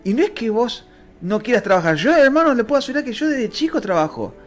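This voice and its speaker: With faint music playing behind him, a Rioplatense-accented man teaches the Bible in a passionate, emotional sermon. He talks fast in a sing-song way, his voice rising and falling between low and high.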